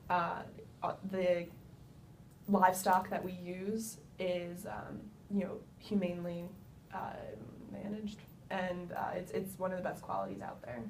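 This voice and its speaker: A woman takes the client's part in a practice sales pitch. Her answers come haltingly, in a slightly low, fairly even voice, over a faint rumble. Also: creaky. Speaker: practice client acting as a meat business manager. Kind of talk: role-played business conversation. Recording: faint rumbly background noise.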